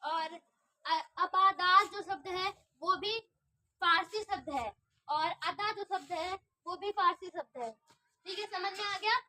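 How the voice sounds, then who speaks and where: A woman's voice: very high-pitched, unhurried, sharp tone. A woman teacher giving an online grammar lesson, asking questions and answering them herself and often checking whether the class understands. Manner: repetitive, restarts words while explaining.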